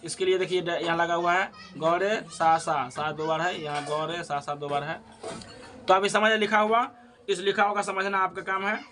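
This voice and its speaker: A man teaching a spoken music lesson, who often asks a question and then answers it himself and sings note names slowly as he explains. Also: high voice, fairly even intonation, sharp tone. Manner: repeats key points as questions and answers them.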